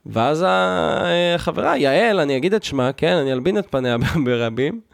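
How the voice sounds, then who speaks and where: A man on a podcast rants in a sarcastic, mock-outraged comic monologue, full of fillers and restarts. His voice sits a little high and swings widely in pitch. The sound is close and dry. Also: expressive, vocal fry, dry recording. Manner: loose, talky, many fillers and restarts. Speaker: podcast host. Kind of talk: comedic rant monologue.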